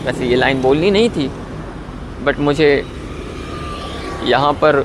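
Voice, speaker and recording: Wry young man over street traffic. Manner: wry and self-mocking, sliding into slow, lower, drawn-out English. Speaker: YouTuber. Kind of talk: casual rambling vlog monologue. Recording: clear traffic noise behind.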